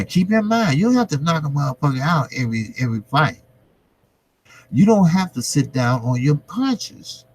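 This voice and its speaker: A man's voice: a little high, a little mellow, no room sound, poor audio. A man hosting a casual boxing commentary for live viewers, speaking informally with slang and repeating his phrases for emphasis. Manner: repetitive, emphatic phrasing with trailing pauses; informal, slangy, occasional swearing. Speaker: boxing vlogger, host.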